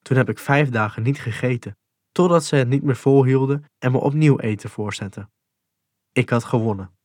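A man calmly reading a first-person memoir in a measured, sober way. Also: mid-range voice, no echo, clean studio sound. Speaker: narrator. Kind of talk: scripted memoir narration.

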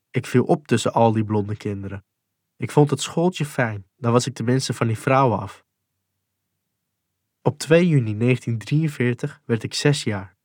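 A man calmly reading a first-person memoir in a measured, sober way. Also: mid-range voice, no echo, clean studio sound. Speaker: narrator. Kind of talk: scripted memoir narration.

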